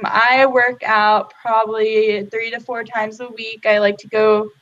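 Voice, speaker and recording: A woman in her twenties, a special education teacher, giving a plain self-introduction for a graduate class. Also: a little high. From Indiana, USA. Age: 20s. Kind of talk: class presentation. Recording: dull lo-fi recording.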